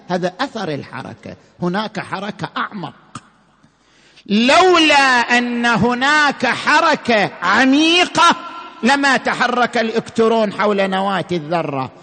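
A man giving a sermon-style religious lecture, emphatic, slowing and rising on key words. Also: sits high, bright, forceful tone, big-room sound.

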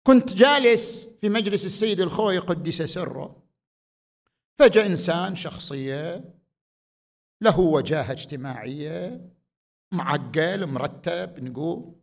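A man delivering a religious lecture, moving from quiet talk to loud, emphatic declaiming. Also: on the high side, a little slow, gravelly, pauses often. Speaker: preacher.

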